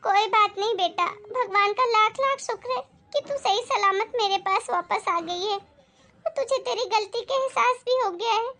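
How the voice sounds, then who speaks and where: A gentle, anxious mother fretting over her daughter, played by a woman in her own voice. She talks softly and warmly. Her voice is very high. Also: heavily acted. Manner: anxious, gentle, soft-spoken. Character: worried, loving poor mother.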